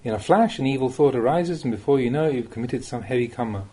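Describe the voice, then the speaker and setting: In a soft voice, dark in tone and a little husky, a monk reads translated spiritual teachings from a recorded Dhamma talk. He is expressive, letting his pitch roam to highlight key phrases, while keeping the delivery measured and plain as if guiding students.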